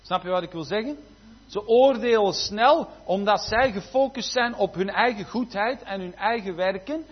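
A man's voice: high-pitched, normal speed, breathy edge. A man preaching a sermon, emphatic with frequent amens and rhetorical asides. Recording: dull lo-fi recording.

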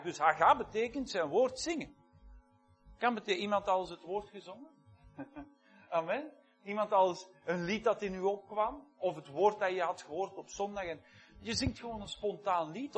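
A man preaching a sermon, talking conversationally, listing words one by one and asking the congregation questions. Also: high voice. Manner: conversational, repeats key words in lists, asks the congregation questions.

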